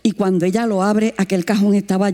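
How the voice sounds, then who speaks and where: A woman preaching a sermon, telling a missionary story and acting out the voices in it. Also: fairly quick. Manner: lively, acts out quoted voices with big pitch jumps.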